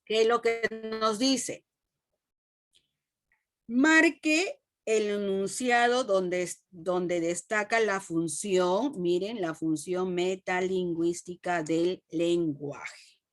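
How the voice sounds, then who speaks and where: A woman with a Peruvian Spanish accent teaching a class, asking the students questions and repeating phrases slowly. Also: fairly low pitch. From Peru. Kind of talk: classroom lesson.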